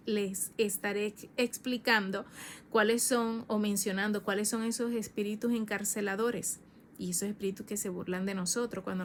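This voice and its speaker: A woman evangelist in her thirties giving a fervent personal testimony, repeating phrases and rising high in pitch when emotional. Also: a little hiss or hum.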